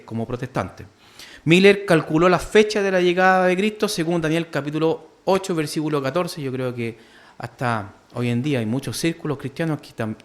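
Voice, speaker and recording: A man with a Chilean Spanish accent teaching a church history class, full of fillers, who keeps asking "¿cierto?" and calls his listeners "hermano". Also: on the high side. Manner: many fillers, asks "¿cierto?" often, addresses listeners as "hermano".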